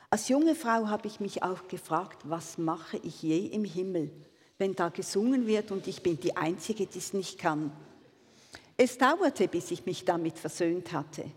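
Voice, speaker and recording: Calm woman preacher, unhurried and breathy, in a reverberant church. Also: fairly low pitch. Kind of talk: sermon with read-aloud story.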